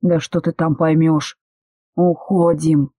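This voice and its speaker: A reader voicing a young male passenger who is gruff and anxious and speaks in an insistent, hissing way. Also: medium pitch, level tone, slow, warm tone, dry recording. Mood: urgent. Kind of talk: audiobook character voice.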